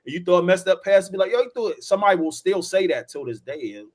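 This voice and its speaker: Fast-talking and expressive, a Pittsburgh podcast host in his 40s shares loose, slang-heavy stories in casual conversation. His voice sits high, carries a Pittsburgh accent, and keeps throwing in "yo" and "bro."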